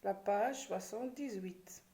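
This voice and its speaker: A woman's voice: medium pitch, mellow. A woman teaching a primary school class, addressing her pupils and breaking words into syllables one by one. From Morocco. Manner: slow, syllable-by-syllable instruction. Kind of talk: classroom video lesson.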